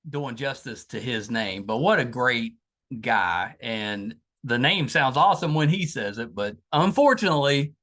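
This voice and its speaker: A man with a West Virginia Appalachian accent speaks as a podcast host, at a middling pitch. He is informal and folksy, talking to guests and listeners in a loose conversational style. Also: animated, a little slow, fairly bright tone. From West Virginia, USA. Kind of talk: casual, conversational podcast hosting.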